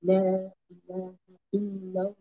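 A student reciting a short phrase slowly and softly for the teacher. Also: mid-range voice, completely flat delivery, no echo, lo-fi sound.

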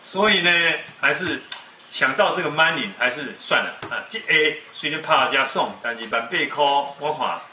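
A man in his fifties with a Taiwanese accent, giving folksy, animated commentary on the news. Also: medium pitch, moderate pace. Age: 50s. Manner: animated, folksy, mixes Mandarin and Taiwanese Hokkien. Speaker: web TV commentator. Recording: echoey room, distant mic, faint noise.

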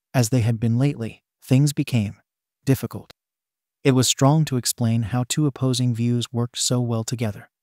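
A man narrating a fan fiction story aloud in a steady, even reading style. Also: mid-range voice, dry recording, clean studio sound.

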